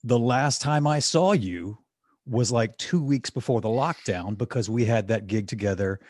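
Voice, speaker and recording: A man's voice: medium pitch, normal speed, a little mellow, no echo, clean studio sound. A man hosting a podcast in casual chat, swearing freely and laughing often. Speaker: podcast host.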